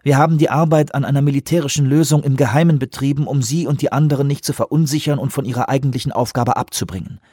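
A man voicing a controlled, insistent female commanding officer in a dry, husky-toned audiobook reading. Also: medium pitch, dark tone, no echo, voice pushed up, natural voice. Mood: urgent. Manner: insistent, measured pleading.

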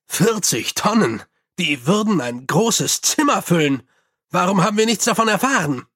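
Man doing a gruff, weary police commander. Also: high-pitched, big pitch swings, moderate pace, a bit bright, voice pushed up, exaggerated voice. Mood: blunt.

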